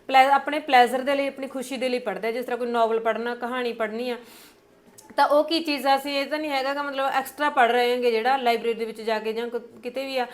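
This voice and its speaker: With a steady tone and a voice sitting a little high, a young Punjabi-accented teacher gives an exam-prep lecture. She patiently explains, pads her points with fillers, and slows over English terms.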